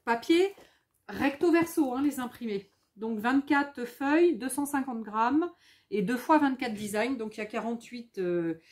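A woman talks through a craft haul at an unhurried pace. Her voice sits high, and she often repeats a word while she thinks aloud over the papers. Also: expressive, darkish tone. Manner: chatty, thinks aloud, repeats words, reads English labels slowly. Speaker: scrapbooking vlogger. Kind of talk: casual haul chat, showing products.

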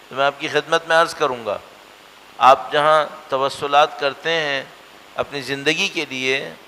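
Earnest preacher, bright voice in a hall. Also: male voice, fairly high pitch. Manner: earnest, rhetorical questions, swings between emphatic and hushed. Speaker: religious lecturer. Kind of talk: religious lecture. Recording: long hall reverb.

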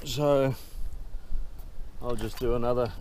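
A man's voice: mid-range voice, steady tone, slow, a little mellow. Casting: man in his sixties, broad Kiwi accent, casual outdoor vlogger, dry and sweary, faint background noise. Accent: broad New Zealand. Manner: laid-back, dry humour, casual swearing. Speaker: solo bicycle touring vlogger. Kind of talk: casual rambling vlog. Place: outdoors in open bushland.

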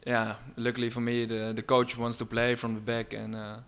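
Young dutch guy, dutch accent, lots of vocal fry, pretty flat, halting answers at a football presser. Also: mid-range voice. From Netherlands. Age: 20s. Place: press room, indoors. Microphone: table microphone.

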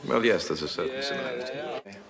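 A man's voice: mid-range voice, lively intonation, a little fast, gravelly, crowd noise. An actor playing a nervous male witness in a period film, giving short, reluctant answers. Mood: wary. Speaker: prosecution witness.

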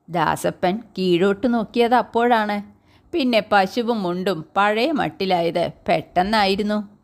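A woman reading a collection of short stories aloud in a calm, measured, clear storybook narration. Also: mid-range voice. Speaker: story reader.

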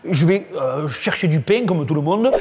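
A man's voice: a little high, expressive, moderate pace, a little mellow. A man in his thirties with a Marseille accent, chatting casually as a co-host. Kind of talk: casual banter. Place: large café room. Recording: echoey hall, music behind.

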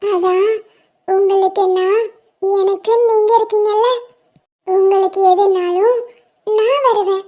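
A woman voicing a sweet little girl who softly comforts a crying friend in a cartoon. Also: extremely high pitch, fairly even intonation, slow, pauses often. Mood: tender, comforting. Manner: soft, coaxing. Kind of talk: animated cartoon voice acting. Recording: dull lo-fi sound.

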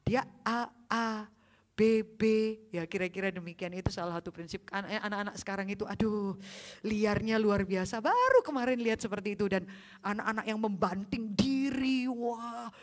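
A woman pastor with an Indonesian accent, preaching a sermon and telling family stories with lively acted-out quotes. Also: medium pitch, moderate pace.

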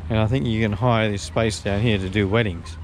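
A man giving relaxed, offhand commentary as he walks a harbourside headland, filmed on an action camera. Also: on the low side, fairly quick. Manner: relaxed, remarks to himself as he walks. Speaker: vlogger. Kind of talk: casual walking tour commentary. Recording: outdoor recording with clear background noise.

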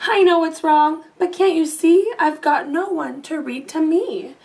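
Mournful little storybook creature, high and small, pleading and sorry, as a woman reads him. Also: measured pace, a little mellow. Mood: tearful pleading. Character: small sad male book-snatching creature.

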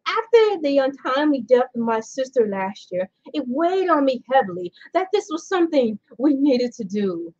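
In a muffled recording, a woman with a high, slightly mellow voice swings widely in pitch and talks at a moderate pace with few pauses. She's vlogging indoors under bright lights, reading an article aloud in a rambling, chatty way and laughing a lot.

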